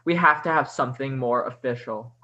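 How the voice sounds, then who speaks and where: Actor as a sharp-toned, officious chief operator. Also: medium pitch, highs cut off, lightly acted. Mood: politely firm. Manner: measured, formal, bureaucratic. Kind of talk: radio thriller acting.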